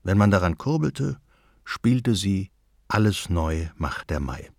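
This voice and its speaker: A man narrating a children's storybook in a slow, deliberate storytelling manner. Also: sits low, big pitch swings, vocal fry, no echo, clean studio sound.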